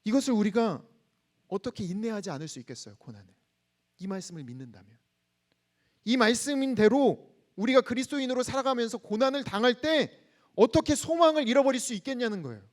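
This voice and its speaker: A man in his thirties preaching a sermon to a campus congregation. He leads the reading of scripture aloud and tells a personal story in a soft, hushed voice. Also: extremely high pitch, animated, fairly quick.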